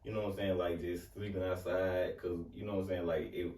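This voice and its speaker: Very deep, flat Southern man. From Alabama. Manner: slow, laid-back storytelling. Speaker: rapper guest. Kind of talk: casual interview. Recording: echoey room, mic at a distance, faint ambience.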